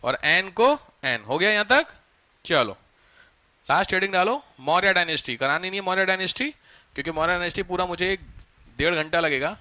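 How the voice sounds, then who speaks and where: A man teaching a class, his high voice carrying a bright, forceful edge. He keeps firing quick questions at his students and answering them himself. The sound is dry and close, with no room echo. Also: animated. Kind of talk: classroom lecture.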